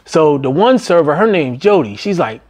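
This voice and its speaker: A man's voice: sing-song, normal speed, a little mellow. A middle-aged man casually telling stories about managing a busy restaurant, rambling and tagging his sentences with "man" and "right?". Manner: loose, rambling delivery with frequent "man" and "right?" tags; slips into high, strained voices when quoting others. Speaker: business vlogger and former restaurant manager. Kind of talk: casual storytelling monologue.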